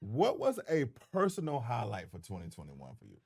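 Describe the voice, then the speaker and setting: A man's voice: mid-range voice, huge pitch swings, normal speed, gravelly, darkish tone, slightly rough. An American man co-hosting a podcast in casual chat, speaking in a blunt, slangy way. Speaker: podcast co-host.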